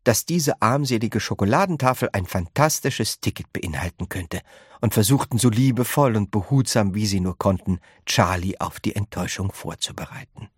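A man reading a children's story aloud in expressive narration. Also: mid-range voice, breathy edge, no echo, studio quality. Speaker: audiobook reader.

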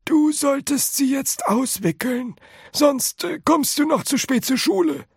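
A man doing a high quavery old granddad. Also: measured pace, gravelly, no room sound, clean studio sound, exaggerated voice. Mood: impatient.

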